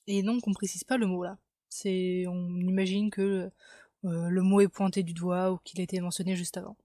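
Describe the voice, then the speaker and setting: A woman's voice: fairly low pitch, level tone, moderate pace, warm tone, no room sound, studio quality. A woman casually explaining the words and spelling of her invented language, chatty and full of fillers as she thinks aloud. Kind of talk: casual explanatory video lesson.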